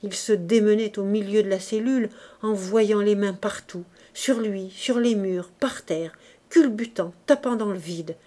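A woman narrating a literary audiobook in a medium-pitched voice. Her reading is expressive and dramatic, leaning into the tension of each sentence. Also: measured pace. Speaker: audiobook reader.

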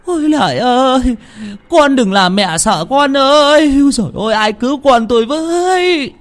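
A man voicing a village mother who cries and pleads in a high wail. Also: expressive, moderate pace. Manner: high wailing, crying pleas. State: crying.

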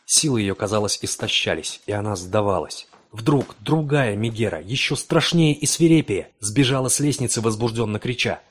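Husky male audiobook narrator. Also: lowish voice, expressive, moderate pace, few pauses. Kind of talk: scripted dramatic narration.

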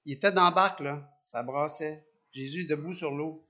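A man preaches with a Quebec French accent, his voice a little high and forceful. He talks in an animated way, fires off rhetorical questions and keeps restarting his sentences. The recording is dull and lo-fi. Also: normal speed. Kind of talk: sermon.

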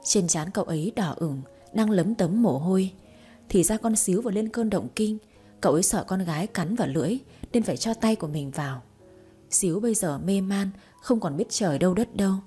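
A woman narrating a story in a steady, expressive audiobook style. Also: mid-range voice, brisk, husky, soft background music.

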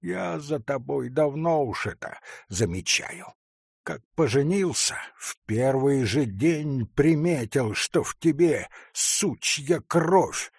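A man voicing a calm, sharp-tongued village wife who speaks quietly and scolds coolly. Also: medium pitch, takes it slowly, creaky, breathy edge, no echo, clean studio sound, heavily acted. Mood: scolding.

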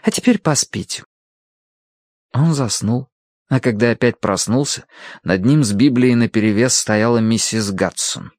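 A man narrates an audiobook with a measured, expressive reading in a medium-pitched voice. The studio-quality recording has no room sound.

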